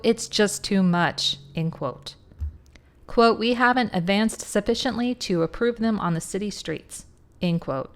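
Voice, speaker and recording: A woman hosting a history channel, reading quotes from old fashion articles and cutting in with sarcastic asides. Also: mid-range voice. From rural upbringing. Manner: sarcastic asides between quotations.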